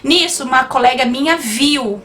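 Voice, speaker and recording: A young woman telling a personal story to her viewers in an animated storytime vlog. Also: sits high, moderate pace, slight background noise. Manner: animated, keeps addressing viewers as "gente". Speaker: YouTuber.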